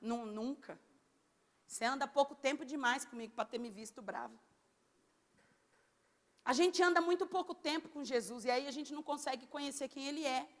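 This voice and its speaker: A woman preaching a sermon, loud and very expressive. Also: high-pitched, normal speed, long pauses, long reverb tail. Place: church.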